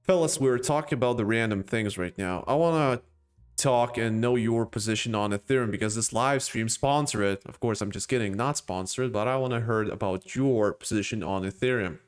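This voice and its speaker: Faint music plays behind a man whose smooth, medium-pitched voice moves at normal speed. He has a non-native English accent and rambles jokingly through chat questions on a casual crypto live stream, laughing and restarting.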